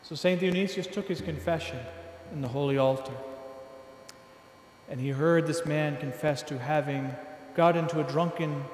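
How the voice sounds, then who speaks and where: Earnest priest preaching in an echoey church. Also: male voice, a little high, fairly even intonation, darkish tone, slight background noise. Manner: measured, earnest preaching with slow emphatic phrases. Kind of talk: sermon. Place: large church, indoors. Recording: echoey church hall from a distance.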